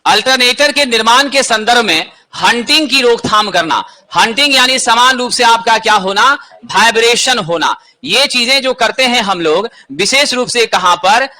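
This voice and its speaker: A man's voice: extremely high pitch, expressive, normal speed, pushed and bright. A man teaching an exam-prep lesson, asking questions and answering them himself.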